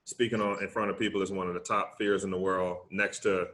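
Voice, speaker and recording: A middle-aged man with a Southern US accent, talking casually and emphatically as a motivational interview guest, often checking his points with a quick tag question. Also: sits low, little pitch movement, a bit bright. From Alabama, United States. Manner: emphatic, conversational, often tags points with "right?". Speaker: interview guest, public speaker.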